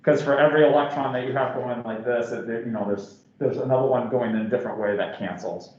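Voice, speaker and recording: In an echoey lecture hall with dull, lo-fi audio, a physics lecturer with a slightly mellow mid-range voice teaches at a quick pace. Hampered by a sore throat, he slightly slurs his words and talks casually, with many restarts and fillers.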